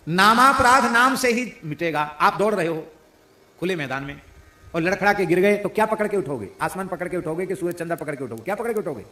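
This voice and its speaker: A man's voice: fairly high pitch, bright, forceful tone. A man giving a devotional sermon, breaking into sung verses and rising to emphatic declarations. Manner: mimics regional pronunciations playfully. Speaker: spiritual preacher. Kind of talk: devotional discourse with chanting. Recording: echoey room.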